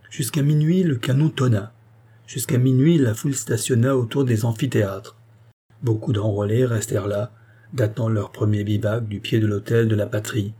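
A male audiobook narrator reading a classic novel in a measured, solemn way. His voice is mellow and soft-edged, with a husky grain, at an ordinary pitch.

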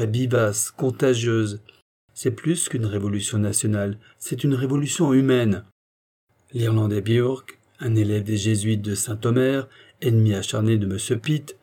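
A man's voice: mid-range voice, warm tone, lightly acted. A man reading the part of a proud, fiery middle-aged statesman in an audiobook, speaking in an impassioned, declamatory way.

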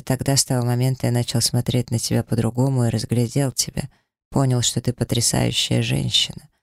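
A man reading a romance audiobook, voicing a confident man in love who speaks softly and reassuringly. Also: medium pitch, creaky, no echo, studio quality. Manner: soft, warm-hearted and reassuring.

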